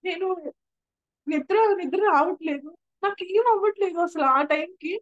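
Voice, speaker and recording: High-voiced young woman. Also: normal speed, dry recording, lo-fi sound. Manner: earnest, repeats and restarts phrases. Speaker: church testimony speaker. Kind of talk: personal testimony. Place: prayer house.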